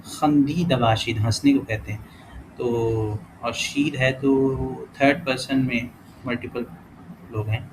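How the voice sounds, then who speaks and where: A man teaching a casual lesson who thinks aloud as he works through exercises, corrects himself often and reads example words out slowly. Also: mid-range voice, steady tone. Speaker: language teacher. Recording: clear background noise.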